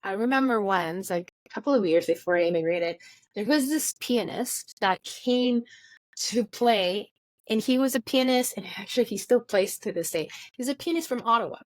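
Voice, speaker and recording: A middle-aged woman from Mexico, telling her story as a guest in a casual interview, animated and playing out the voices she quotes. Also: medium pitch, normal speed, no echo.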